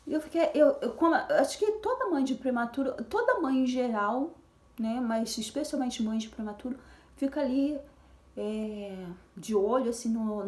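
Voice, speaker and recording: A woman shares her story as a mother of twins in a casual personal vlog, chatting with many fillers and restarts. Her voice is medium-pitched and a little mellow, and the room is echoey.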